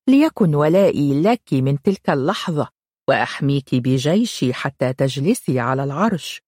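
A woman voicing a cunning male royal adviser who bargains slowly and with menace, in an audiobook. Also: low-pitched, dark tone, slightly rough, dry recording, studio quality.

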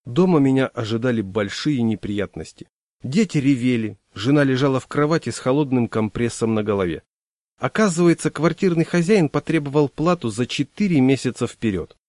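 A man reading a humorous story aloud in a wry, measured storyteller's manner. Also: medium pitch, expressive, darkish tone, no room sound, studio quality.

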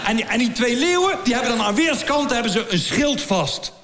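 This middle-aged comic works a live audience with a very high voice and a fairly fast pace, stumbling over and repeating words as he builds toward deadpan, crude punchlines.

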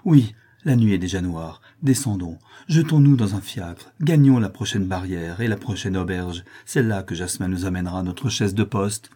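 Brief: desperate young countess, urgent pleading, read by a man with a husky low voice. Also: moderate pace, hardly any pauses, dark tone. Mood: frantic pleading.

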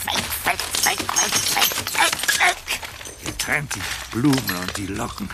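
A male actor in a literary radio drama plays a bitter, proud old libertine, declaiming in a gravelly voice that swings between whispery asides and outcries. His mid-range pitch swoops wildly at a measured pace, the mood is agitated and defiant, and heavy background noise runs underneath.

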